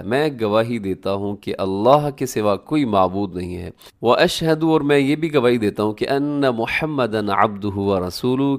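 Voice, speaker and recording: A man teaching how to recite prayers, explaining fast and then chanting the words slowly and drawn out. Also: lowish voice. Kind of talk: religious lesson on prayer recitation.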